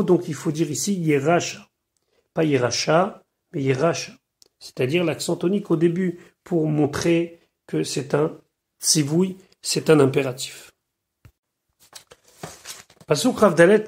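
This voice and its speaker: A man's voice: a little high, creaky, a little mellow. A man, a rabbi, giving a Torah study lesson, reading Hebrew phrases and explaining them one by one. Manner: slow, measured delivery with pauses. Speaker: rabbi teaching weekly Torah portion.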